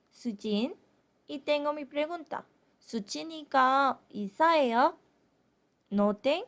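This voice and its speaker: A woman teaching a Korean grammar lesson, explaining slowly and carefully. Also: a little high. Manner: slow, carefully spelled-out explanations.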